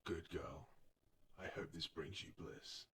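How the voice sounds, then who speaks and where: An actor playing a seductive, disembodied male voice coming through earphones, husky and coaxing. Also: extremely low pitch, steady tone, slow, a bit bright, heavily acted. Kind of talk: short film drama.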